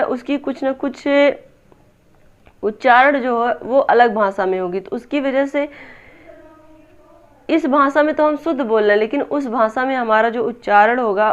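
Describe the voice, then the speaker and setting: A woman's voice: fairly high pitch, clear, resonant tone. A woman tutoring for a teaching exam, walking through answers step by step, often asking a question and then answering it herself. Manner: repeats "दोस्तों", asks and answers own questions. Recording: slightly dull lo-fi audio.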